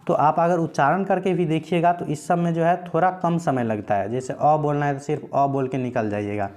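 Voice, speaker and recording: A man teaching a grammar lesson patiently, asking questions and answering them himself, stretching single sounds out slowly as he names them. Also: on the high side, fairly even intonation, darkish tone. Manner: patient, repeats points, asks and answers his own questions.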